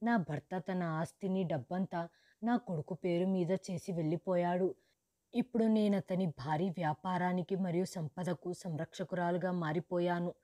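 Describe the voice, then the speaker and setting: Lady reading as a widowed mum who lost everything, lowish mellow voice, steady story telling, dry sound. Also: no room sound, natural voice. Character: grieving widowed mother, wealthy, now destitute. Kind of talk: storybook narration in first person.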